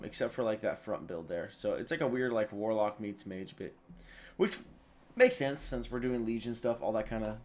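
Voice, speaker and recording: A tired man hosting a video, giving casual, rambling commentary full of fillers and restarts. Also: medium pitch. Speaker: video host.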